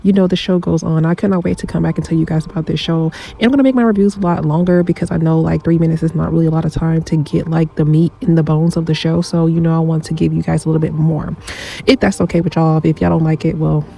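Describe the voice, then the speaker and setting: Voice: mid-range voice, steady tone, fast, gravelly, dark tone, low-quality recording. A chatty reviewer who is congested from a cold, rambling casually through a show review with plenty of fillers. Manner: rambling, conversational, lots of fillers.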